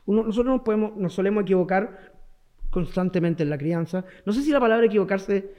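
A man's voice: sits high, fast, dark tone. A man with a Chilean accent, the guest expert in a broadcast interview, explaining emphatically and repeating key words. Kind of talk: radio and TV interview.

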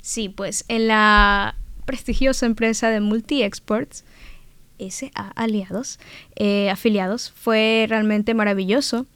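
A woman's voice: mid-range voice, steady tone, slow, fairly bright tone, clear, resonant tone, no echo. A young Ecuadorian woman in her twenties, a cheerful exchange student who laughs often while answering radio interview questions. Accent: Ecuadorian Spanish. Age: 20s.

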